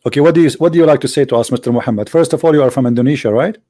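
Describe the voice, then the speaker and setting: A man's voice: medium pitch, rapid-fire, mellow, no room sound. A man hosting a live call-in debate show, arguing insistently and repeating his points to press a caller. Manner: argumentative, insistent, repeats phrases.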